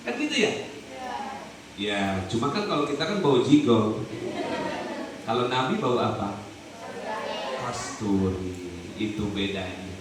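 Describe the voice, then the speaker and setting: A male Islamic preacher tells a sermon story in a lively, swooping voice and keeps asking his audience questions. He sounds far from the mic in a heavily echoing room. Music plays clearly behind him. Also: slow pace, long pauses, noisy background. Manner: animated, asks the audience questions, swings his pitch for effect. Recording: echoey hall, distant mic, music behind.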